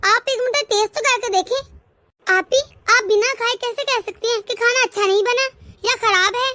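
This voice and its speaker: A woman voicing a patient young working daughter-in-law in a cartoon, who answers back calmly. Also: very high-pitched, normal speed, no echo, studio quality. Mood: defensive. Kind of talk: cartoon voice acting.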